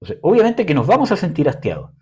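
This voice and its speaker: A young man preaching a sermon in a conversational way, often pausing with fillers. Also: a little high, wildly swooping pitch, mellow, slightly rough. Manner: conversational preaching, frequent "¿cómo se llama?" fillers.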